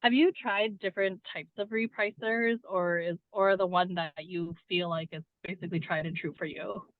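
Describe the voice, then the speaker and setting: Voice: mid-range voice, fairly even intonation, normal speed, no echo. A caller driving while talking over a car speakerphone, asking curious questions in a casual, apologetic way with many okays. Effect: calling in over a car speakerphone. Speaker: student caller on a group coaching call. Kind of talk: casual questions on a group call. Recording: tinny phone line, dry.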